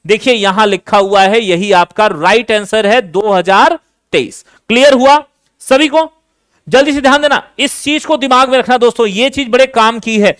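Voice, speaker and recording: Male tutor, high clear voice, dry close sound, keeps quizzing the class. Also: dry recording. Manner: energetic, coaxing students to comment; repeats key points and quizzes listeners. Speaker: teacher. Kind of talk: live online exam-prep class.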